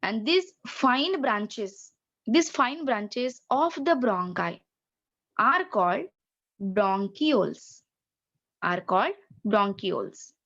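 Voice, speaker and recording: A woman teacher with an Indian accent, giving an online science lesson, explaining slowly and repeating key terms. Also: a little high, lively intonation, fairly bright tone, highs cut off. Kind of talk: online class lecture.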